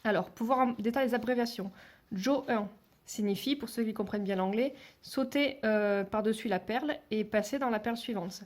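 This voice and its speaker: A woman's voice: on the high side, moderate pace, darkish tone. A woman giving a step-by-step beading tutorial, talking hesitantly with many fillers and restarts, and dropping to a near whisper while she counts beads. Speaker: beading instructor.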